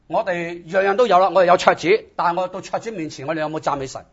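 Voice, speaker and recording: A man with a high-pitched, fast voice preaches in short phrases, pausing for interpretation and urging listeners on with rhetorical questions. The audio is dull and lo-fi.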